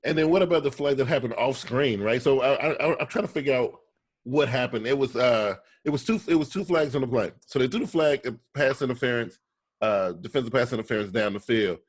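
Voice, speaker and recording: A man's voice: medium pitch, fairly quick, slightly rough, dry recording. A man co-hosting a casual sports podcast, talking in long runs and often checking in with "right?".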